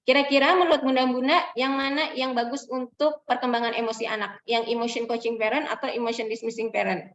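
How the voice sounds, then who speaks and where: A woman's voice: on the high side, flat delivery, fairly quick, hardly any pauses. A woman psychologist gives a parenting seminar talk, explaining step by step and acting out quotes from parents and children. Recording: echoey, distant, muffled room mic.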